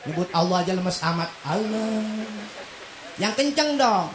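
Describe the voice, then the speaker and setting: A man preaching a humorous sermon to a congregation, animated and joking, breaking into loud emphatic shouts and slow chanted verses. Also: sits high, crowd noise. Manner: chants Quranic verses slowly. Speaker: Islamic preacher. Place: iftar gathering at a workplace prayer community.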